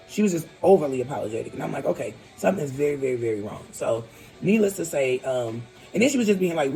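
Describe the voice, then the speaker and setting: A woman's voice: low-pitched, gravelly, darkish tone, low-quality recording. A woman vlogger talking casually and directly to her viewers, chatty and candid. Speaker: vlogger host. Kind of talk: casual chat to camera.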